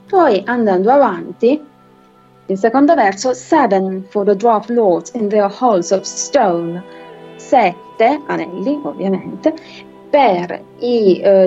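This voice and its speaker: A woman teaching an explanatory lecture, patiently breaking points down step by step and slowing down to read English verses aloud. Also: medium pitch, darkish tone, muffled recording. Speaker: literature and phonetics teacher.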